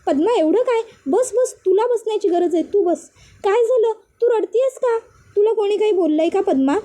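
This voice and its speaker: A woman's voice: very high voice, lively intonation, moderate pace, warm tone, voice pushed up. A woman voicing a scheming elder sister who speaks in a coaxing, persuasive way.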